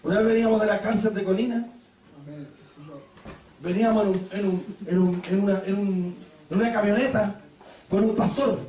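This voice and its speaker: A Chilean man preaching a Pentecostal sermon, telling stories with laughter and sudden shouted praises. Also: sits high, steady tone, normal speed, pauses often, recorded from a distance, slight background noise. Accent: Chilean Spanish. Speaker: pastor. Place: church hall. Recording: echoey church hall, mic from afar.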